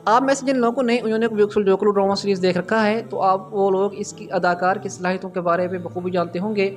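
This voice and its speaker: A man's voice: high voice, steady tone, fast talker. A man hosting a drama review channel, speaking in a formal commentary style and often addressing his viewers directly with a raised, emphatic voice. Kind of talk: scripted-sounding video commentary.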